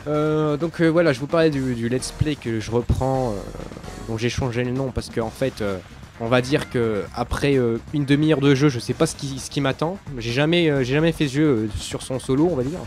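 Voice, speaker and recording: A young man casually commenting on a shooter game as he plays, rambling, losing his thread and filling pauses with many hesitations. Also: medium pitch, a little mellow. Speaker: let's play commentator. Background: game sounds and music.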